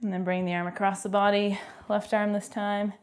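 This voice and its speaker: A young woman with a Canadian accent guiding a home workout, giving encouraging cues and calm stretching instructions. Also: mid-range voice, a little fast. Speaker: fitness instructor.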